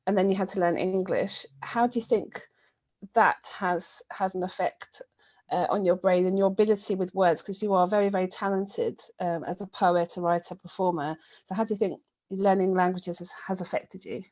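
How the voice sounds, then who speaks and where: A woman's voice: fairly low pitch, fairly even intonation, moderate pace, darkish tone, low-quality recording. A woman hosting a webinar interview, asking questions in a hesitant way with frequent ums and uhs. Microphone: webinar video call.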